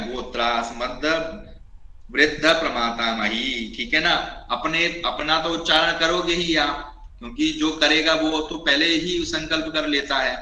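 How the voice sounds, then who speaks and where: A man teaching an online class on ritual recitation, chanting Sanskrit formulas slowly and then explaining them. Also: a little high, bright, forceful tone, roomy sound, rough recording.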